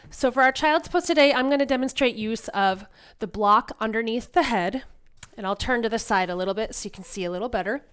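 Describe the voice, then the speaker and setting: A woman yoga instructor who is getting over a cold guides a class in a smooth, mid-range voice. Her instruction is casual and reassuring.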